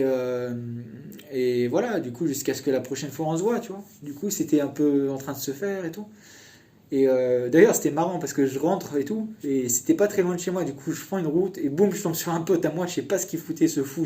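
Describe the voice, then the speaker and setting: A man's voice: fairly high pitch, a little fast, dark tone. A young man casually telling a personal story in a chatty, meandering way.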